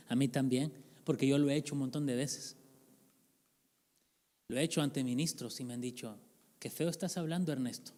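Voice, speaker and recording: A man's voice: medium pitch, steady tone, a little slow, long pauses, a little mellow. A male pastor preaching a sermon in a church, in a conversational manner, joking with and questioning the congregation. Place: church sanctuary. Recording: reverberant church hall.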